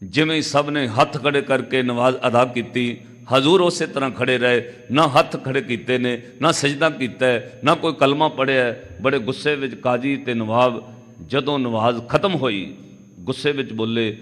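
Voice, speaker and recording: A man preaching a Sikh katha sermon, telling a story with lively delivery, sometimes breaking into melodic chanting. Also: medium pitch, moderate pace. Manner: animated storytelling, acting out dialogue in quotes. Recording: long hall reverb.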